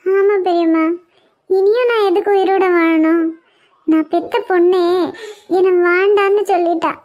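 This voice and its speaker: A woman's voice: very high-pitched, fairly even intonation, normal speed, muffled recording. A woman voicing a heartbroken young mother in a cartoon, crying and despairing, with a Kanyakumari Tamil accent. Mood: tearful, despairing. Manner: tearful, despairing, pleading. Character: heartbroken young mother rejected by her daughter. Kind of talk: cartoon web series voice acting.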